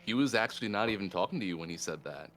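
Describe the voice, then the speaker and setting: A man's voice: fairly low pitch, animated, racing, a bit bright. A man acting as game master, recounting events to the players in a matter-of-fact way.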